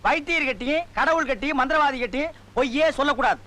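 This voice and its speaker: A bullying village sorcerer-priest. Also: male voice, very high voice, fast, sharp tone. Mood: scolding. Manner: scolding, insulting, mocking. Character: loud bullying male village sorcerer-priest, middle-aged, scornful. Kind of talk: 1990s film comedy dialogue.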